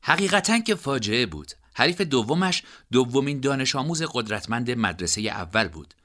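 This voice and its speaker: A man narrating an audiobook in an expressive storytelling manner. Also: mid-range voice.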